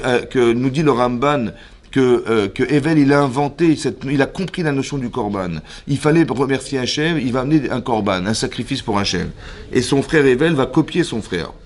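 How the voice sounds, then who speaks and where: Rabbi teaching a lively Torah class. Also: male voice, medium pitch. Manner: lively, questions the listeners often; acts out the characters' lines as he explains. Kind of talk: Torah lesson.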